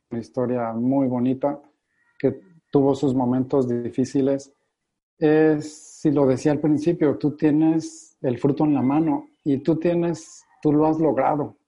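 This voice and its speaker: A man's voice: medium pitch, mellow. A man hosting a podcast, encouraging his guest with long, talkative questions. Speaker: podcast host. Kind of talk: interviewing. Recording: dull lo-fi audio.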